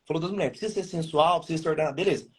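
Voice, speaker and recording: A man's voice: on the high side, rapid-fire, breathy edge. A Brazilian man hosting a live stream from his home, giving blunt, slangy marriage advice to men. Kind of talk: casual advice talk on marriage.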